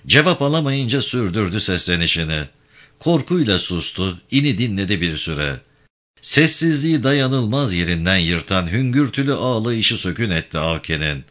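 A man reading a literary story aloud in an expressive, lyrical way. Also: low-pitched, moderate pace. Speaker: narrator.

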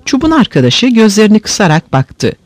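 A man narrating a story aloud in an expressive, animated way. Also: high voice, a little fast, no room sound.

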